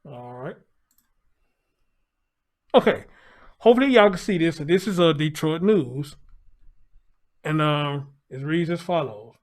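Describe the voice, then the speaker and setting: A man giving a casual news update to viewers, speaking through a face mask in a halting way and repeating phrases. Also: a little high. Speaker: online news commentator.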